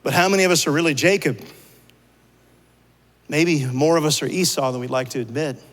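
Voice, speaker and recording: Preaching a little fast in a fairly bright voice on the high side, a male pastor speaks conversationally to his church, asking rhetorical questions. The sanctuary produces a long, echoing hall reverb.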